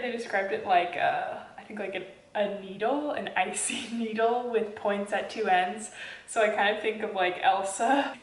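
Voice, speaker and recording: A woman talking casually in a book vlog, chatty and quick to laugh, often saying "like". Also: medium pitch, a bit bright, far from the mic. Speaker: book vlogger. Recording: roomy, from a little off-mic.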